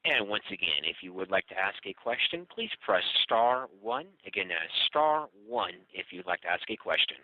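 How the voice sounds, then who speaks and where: A man's voice: low-pitched, big pitch swings, normal speed, few pauses, dry recording. A man making scripted announcements as the operator of a telephone conference call. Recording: tinny phone line, dry.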